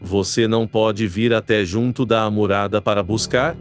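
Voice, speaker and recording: A man voicing a calm, plain-spoken fisherman aboard a schooner. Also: fairly low pitch, normal speed, faint music behind, close to an everyday voice. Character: steady male fisherman on a schooner.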